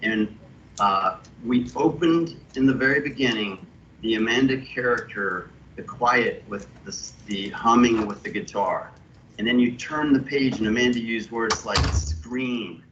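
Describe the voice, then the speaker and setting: A man on a video call, an illustrator thoughtfully explaining his artwork with halting restarts. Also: medium pitch, a bit bright. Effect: heard over a video call. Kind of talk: walking through his artwork. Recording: muffled video call audio with faint hiss.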